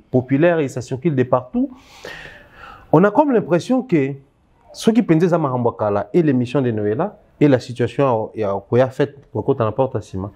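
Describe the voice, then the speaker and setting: A man, hosting a casual talk show, playful and animated. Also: mid-range voice. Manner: animated, playful, quick bursts of laughter. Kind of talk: casual chat show commentary.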